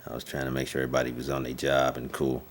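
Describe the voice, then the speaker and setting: An actor playing a matter-of-fact squad leader describing checkpoint duty. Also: male voice, a bass voice, completely flat delivery, rapid-fire. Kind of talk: dramatic monologue.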